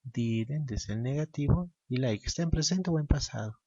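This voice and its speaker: A man with a gravelly, husky voice explains grammar rules one step at a time. He asks his class a question, then answers it himself, and he stresses each rule again. The recording is dull, lo-fi and dry. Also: mid-range voice, animated, moderate pace, mellow, dry recording. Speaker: English teacher.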